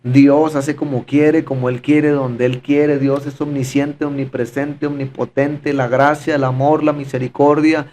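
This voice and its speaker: A man's voice: medium pitch, flat delivery, unhurried, few pauses, a little mellow, slight background noise. A man giving a fervent, repetitive personal testimony in conversation, often calling his listener brother. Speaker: podcast guest giving testimony.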